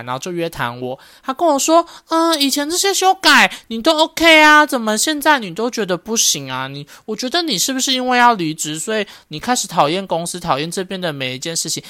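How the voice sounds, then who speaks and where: Lively, blunt Taiwanese-accented woman. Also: on the low side, fast, few pauses, no echo, clean studio sound. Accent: Taiwanese Mandarin. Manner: blunt, animated storytelling with swearing. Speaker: podcast co-host. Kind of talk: casual chat.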